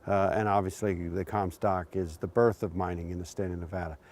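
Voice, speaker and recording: A man's voice: deep voice, fairly even intonation, fairly quick, darkish tone. A man, a community resident, speaking earnestly in an interview.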